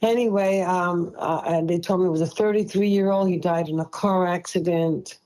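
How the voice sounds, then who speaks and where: Poor audio captures a seventy-something podcast guest from Brooklyn, New York, a liver transplant recipient recounting her own experience in casual personal storytelling. With a Brooklyn accent and a low, dark voice, she speaks at normal speed with fairly even intonation, rambling emotionally and heartfelt, often restarting.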